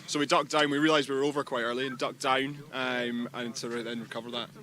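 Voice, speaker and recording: A Scottish man, a sailor, speaking outdoors in a relaxed, modest post-race interview. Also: medium pitch, fast talker. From Scotland. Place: outdoors on the water.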